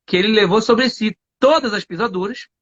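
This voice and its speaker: Emphatic high-voiced Brazilian man teaching. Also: a little fast, fairly bright tone, lo-fi sound. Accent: Brazilian Portuguese. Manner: emphatic, slangy, preachy. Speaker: English teacher and co-host. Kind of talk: live-stream lesson.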